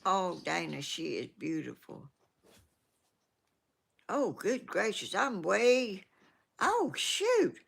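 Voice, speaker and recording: An 80-something Georgia vlogger with a Southern accent rambles through viewer comments, trailing off and restarting. Her mid-range voice is sing-song and slow, with vocal fry, a breathy edge and frequent pauses.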